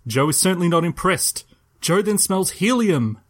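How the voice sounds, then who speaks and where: A man co-hosts a podcast, recapping an episode in casual, playful chat and laughing often. His voice sits high, with lively intonation, a normal pace and a fairly bright tone.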